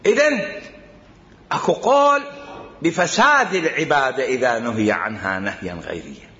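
A man's voice: medium pitch, lively intonation, normal speed, sharp tone. A man with an Iraqi Arabic accent teaching a jurisprudence lecture, emphatic and repeating his points. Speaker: religious studies teacher. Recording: roomy hall reverb, dull lo-fi.

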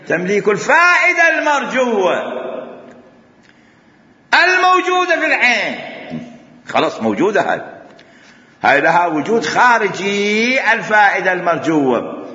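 Iraqi male lecturer, high and bright, repeats key terms, rhetorical questions; dull lo-fi hall echo. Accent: Iraqi Arabic. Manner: lively, explains through rhetorical questions and repetition. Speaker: teacher of Islamic jurisprudence. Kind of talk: classroom lecture. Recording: echoey hall, dull lo-fi sound.

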